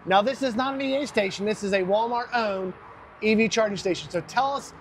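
Upbeat guy w a pretty high voice hosting outside at a charger, quick talker. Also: slight background noise. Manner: upbeat, asks his co-host questions. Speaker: co-host. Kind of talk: casual vlog hosting. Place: outdoors at an EV charging station.

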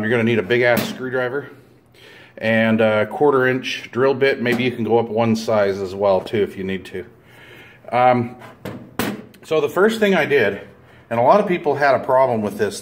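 A man explains a hands-on repair project in a loose, rambling way, often restarting his sentences. He is recorded close-up on a camera mic at an indoor table. His voice sits at an ordinary middle pitch, with faint clicks behind it. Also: slight background noise. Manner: rambling, plain-spoken, with fillers and restarts. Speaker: DIY video maker. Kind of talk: casual hands-on tutorial.

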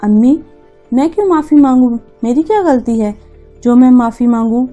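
A woman voicing a sharp-tongued young daughter-in-law who talks back defensively in a mellow, low-key tone. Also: steady tone, moderate pace, faint music behind, lightly acted. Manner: snappish and defensive.

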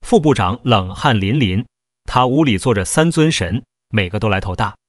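A man narrating a first-person novel as a storyteller, in a steady, even read. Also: fairly low pitch, normal speed, no room sound, clean studio sound.

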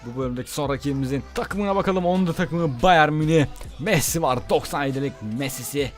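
A young man giving live gameplay commentary on a football video game, excitable, talking to the players on screen and repeating his words. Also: a little high, fast, soft background music. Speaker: gaming YouTuber.

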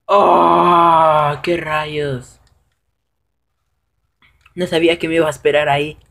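A man giving casual live commentary over his own gameplay, excitable and prone to high shouts when things go wrong. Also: slow pace, vocal fry.

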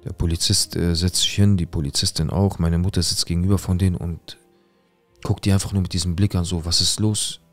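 A man's voice: deep voice, level tone, fairly quick, faint music behind. A man recounting a painful episode from his past in an earnest, tense way, repeating words for emphasis. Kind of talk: emotional personal storytelling.

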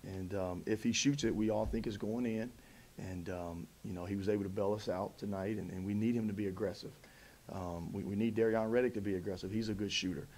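A man in his thirties, a head coach at a post-game press conference, answering in a measured way with many fillers and restarts into a table mic. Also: fairly low pitch, steady tone, a little mellow. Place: press conference room in front of a backdrop. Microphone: table mic in front of him.

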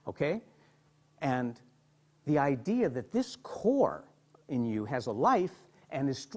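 A man's voice: fairly high pitch, darkish tone. A middle-aged man, a psychotherapist, lecturing to an audience and telling stories animatedly, often repeating and restarting words. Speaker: psychotherapist giving a hospital lecture.

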